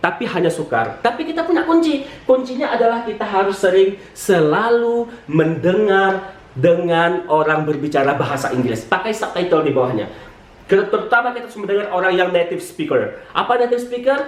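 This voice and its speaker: A man teaching English in a casual, chatty way at a whiteboard, mixing English words into his talk and jumping up in pitch for emphasis. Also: recorded from a distance. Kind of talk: casual spoken lesson at a whiteboard. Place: room with a whiteboard. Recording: echoey room.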